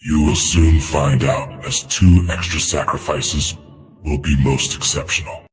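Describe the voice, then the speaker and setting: A menacing armored knight speaks with slow, cold contempt. The voice is extremely low and gravelly with a husky rasp. It rings out through a long, cavernous reverb. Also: male voice, steady tone, exaggerated voice. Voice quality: deep booming villain voice.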